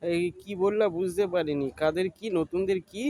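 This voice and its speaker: A man's voice: high voice, normal speed, dark tone. A man, bantering and mocking a clip in an exasperated comic reaction. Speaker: content creator reacting to a clip.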